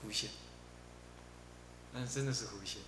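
A male abbot from Taiwan tells a story during a Buddhist dharma talk, acting out its characters in a medium-pitched, sharp voice at a slightly slow pace. The room is echoey with a faint hum.

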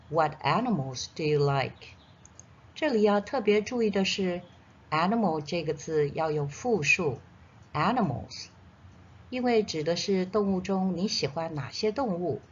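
Woman, kindergarten teacher type, lowish pitch, guiding young children through a scripted lesson; unhurried, encouraging, dull lo-fi recording. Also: slight background noise. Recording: dull, lo-fi sound.

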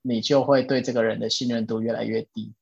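A man's voice: mid-range voice, flat delivery, fast talker, vocal fry, a little mellow, slightly rough, no echo. A man hosting a casual podcast chat, patiently explaining ideas from a self-help book and repeating his key points. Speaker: podcast host. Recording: dull lo-fi, dry.

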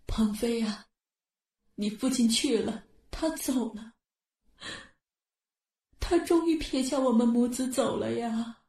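A man voicing a grief-stricken elderly widow in a storytelling drama, in a shrill, trembling falsetto. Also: slow pace, pauses often, dark tone, exaggerated voice. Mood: grieving. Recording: echoey and distant.

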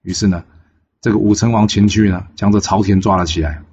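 A man telling a classic tale in a relaxed, chatty way, with frequent fillers. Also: lowish voice, brisk, slightly rough, lo-fi sound. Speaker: storyteller. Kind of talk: storybook narration.

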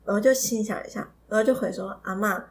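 A woman's voice: medium pitch, fast, vocal fry, a little mellow, a little hiss or hum. A woman co-hosting a podcast, telling a story in casual chat, giggling and stumbling over repeated words. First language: not Taiwanese Hokkien. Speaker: podcast co-host.

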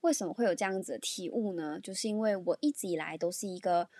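A young woman hosts a casual solo podcast in Taiwanese-accented Mandarin, her voice sitting a little low for a woman. She talks candidly and chattily, filling gaps with ums as she goes. The recording is close and dry, with no room echo at all. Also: quick pace, darkish tone. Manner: chatty and candid, many fillers. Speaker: podcast host.

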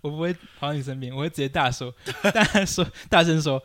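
A man's voice: on the high side, fast talker, a bit bright, no echo, clean studio sound. A young man, co-hosting a podcast, complaining animatedly and acting out quotes. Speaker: podcast co-host. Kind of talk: casual chat about basketball.

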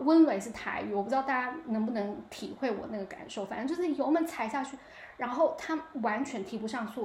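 A young woman with a Taiwanese Mandarin accent, hosting a podcast and telling a story in a lively, chatty way that keeps pulling the listener in. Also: a little high, slight background noise. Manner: animated, keeps asking the listener 你知道吗. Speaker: podcast host. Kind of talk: casual storytelling monologue. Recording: echoey room with faint ambience.

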